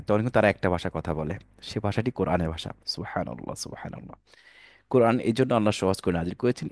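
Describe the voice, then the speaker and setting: A man teaches an online Quran reading lesson, calling viewers dear brothers and sisters, mixing in English words, and calling out letters for them to repeat. His voice is fairly low and darkish, captured with studio quality and no room sound.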